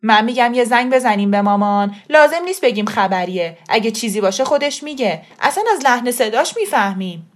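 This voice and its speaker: A woman reader voicing an angry middle-aged uncle who talks loudly and blames others. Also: a little high, expressive, close to an everyday voice. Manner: loud, blaming.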